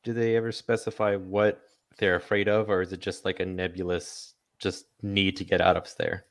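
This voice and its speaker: Low-voiced man, hesitant player. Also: level tone, normal speed. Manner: hesitant, filler-heavy. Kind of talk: casual tabletop play.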